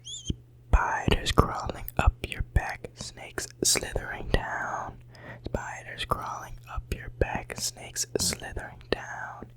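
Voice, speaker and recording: At a slow pace, a late-teen ASMR creator whispers into a close microphone at home. They sound a little sick and hoarse, rambling in a casual way and quietly repeating words.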